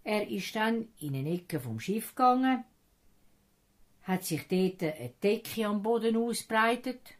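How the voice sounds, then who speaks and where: A woman with a Swiss German accent telling a Bible story to children in an expressive storytelling manner. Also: lowish voice.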